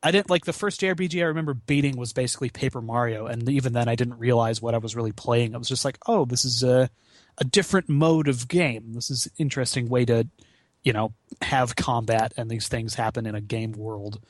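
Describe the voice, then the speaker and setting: A man in his twenties, appearing as a podcast guest and gaming marathon runner, rambles casually about video games, swearing freely and dropping slangy, self-deprecating asides. His medium-pitched voice moves a little fast, captured in a dry, studio-quality recording.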